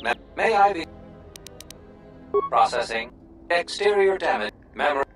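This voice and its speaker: Brief: a courteous game droid that glitches and breaks down mid-phrase, fairly high, with a bouncy pitch. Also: male voice, expressive, unhurried, over loud music. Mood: glitching. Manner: overly polite phrases that break off in errors. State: glitching, damaged. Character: malfunctioning polite service droid with memory errors. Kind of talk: video game dialogue.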